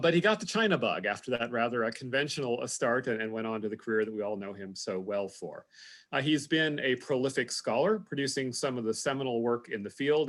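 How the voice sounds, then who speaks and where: Male, mid-pitched, measured speaker intro with frequent fillers, video call audio. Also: fairly bright tone. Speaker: lecture introducer.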